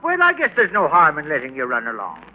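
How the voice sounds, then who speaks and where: A wary, stammering questioner. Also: male voice, on the high side, huge pitch swings, fast talker, a little hiss or hum. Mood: probing. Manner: hesitant, stammering, probing. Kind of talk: 1940s radio acting. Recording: tinny old radio broadcast.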